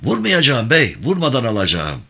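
A rough, vengeful villager speaks in a raised, much higher voice, as a man acts him out in a storybook reading. He sounds eager and coarse. The tone is bright. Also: wildly swooping pitch, normal speed, full character voice.

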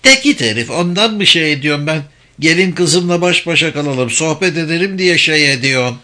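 A frail, doting old village mother with a thin, quavering voice pitched high above the reader's own, fretful and close to tears, as a male reader puts her on. Her tone is bright and edgy, and she comes in a touch louder than the narration. She belongs to a storybook read aloud. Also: lively intonation, moderate pace. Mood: scolding. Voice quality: trembling, high voice. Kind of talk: storybook reading.

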